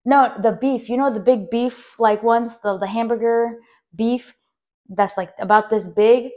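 A woman's voice: fairly high pitch, a little slow, muffled recording. Young woman rambling through a story. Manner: rambling, animated, many fillers, talks straight to listeners. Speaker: podcast host. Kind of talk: casual personal storytelling.

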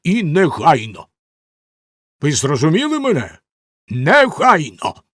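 A man voicing a cruel, menacing nobleman husband in a storybook reading, with slow, stern, threatening delivery. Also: a little high, huge pitch swings, dry recording, clean studio sound, pitched above the performer's own voice, heavily acted.

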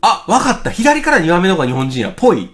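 A man with a Kansai accent giving casual, excitable reaction commentary as host, thinking aloud and exclaiming often. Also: sits high, fast. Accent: Kansai Japanese. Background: faint music video playing.

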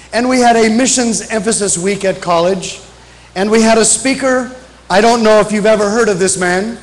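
A middle-aged man preaches from the pulpit of a large church. His voice sits high for a man, and he repeats his main points with emphasis, slowing down when he reads scripture. He speaks into a pulpit microphone. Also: rough recording. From grew up in Africa. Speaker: pastor, guest missionary preacher. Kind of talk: sermon.

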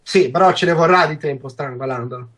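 A young man with a husky voice, refereeing and narrating a tabletop game as game master over a video call. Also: a little high, brisk, a bit bright, slight background noise. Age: young adult. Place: at home on a group video call.

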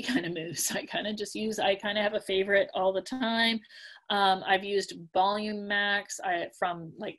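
She's middle-aged and speaks in a sharp, mid-range voice, teaching dog grooming on a laptop webcam video call from her home. The webinar is casual, with her answering questions in a practical, talkative way, peppered with ums and likes. Her voice is fading, so she clears her throat often.

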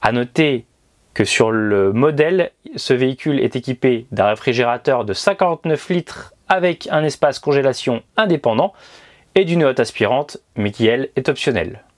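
A man in his thirties gives a scripted motorhome review on a lapel mic, delivering it precisely like a presenter. He speaks at normal speed in an animated, mid-range voice, starting inside the motorhome before moving outdoors by the roadside.

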